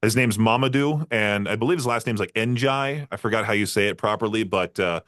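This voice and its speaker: The host of a casual interview podcast, a man with a lowish, slightly bright voice, speaks briskly and tells long, rambling stories full of fillers and laughter. The recording has no echo and clean studio sound.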